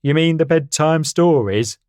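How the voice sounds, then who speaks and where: A man voicing a brawny, blunt male brumby horse in a storybook reading, talking in a gruff, deadpan way. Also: on the high side, unhurried, dry recording, studio quality, voice pushed up, lightly acted. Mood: teasing.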